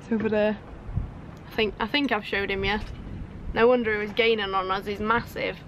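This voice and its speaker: A young woman chatting casually to camera from a sailboat at anchor, teasing and quick with exclamations. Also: mid-range voice, steady tone, dull audio. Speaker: sailing vlogger. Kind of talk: casual vlog chat. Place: outdoors on a sailboat deck at anchor. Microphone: handheld camera at arm's length. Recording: outdoor wind and boat noise.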